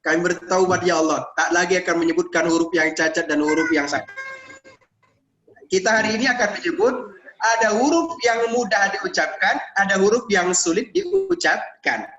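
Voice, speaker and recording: An Indonesian man teaching Arabic grammar in an online university lecture, lively and teasing, drilling his students with questions. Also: high-pitched, normal speed, a little hiss or hum. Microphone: video call. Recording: echoey room, dull lo-fi sound.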